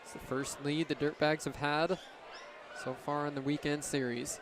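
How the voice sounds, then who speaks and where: In a fairly high voice and flat delivery at normal speed, a young man calls radio baseball play-by-play in clipped, descriptive phrases. The live commentary comes from an outdoor stadium, where ballpark crowd and ambient noise are audible.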